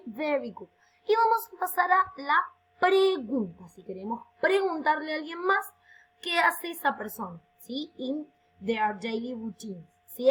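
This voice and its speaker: Woman English teacher, Rioplatense accent, high animated voice, slow emphatic drilling. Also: poor audio. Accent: Rioplatense Spanish. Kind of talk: recorded online lesson, bilingual.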